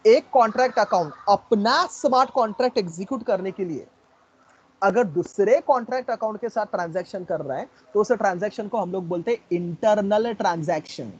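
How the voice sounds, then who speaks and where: A man lectures his class in a high, husky voice, going a little fast. He walks through the material step by step, repeating key terms and vowing to quiz the students later; the recording is dull and lo-fi.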